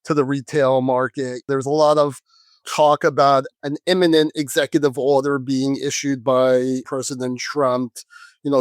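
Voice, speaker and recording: Man co-host asking deliberate questions. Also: medium pitch, no room sound. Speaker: podcast co-host. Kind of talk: interview questions.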